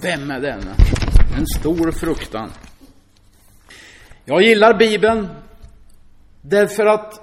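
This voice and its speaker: A man preaching a sermon, reading scripture aloud and commenting on it in a chatty way, often asking his listeners "va?". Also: high voice. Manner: lively, swings from loud exclamations to hushed asides.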